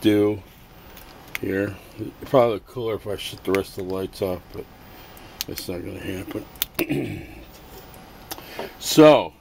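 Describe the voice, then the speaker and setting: A middle-aged man casually showing off toys and crafts in his home workshop, filming by hand and rambling with halting asides. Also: on the low side, vocal fry. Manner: rambling, halting, self-amused. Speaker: toy customizer vlogger. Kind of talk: casual show-and-tell vlog. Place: cluttered home workshop and garage. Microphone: handheld camera, filming first-person. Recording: noisy home camera audio.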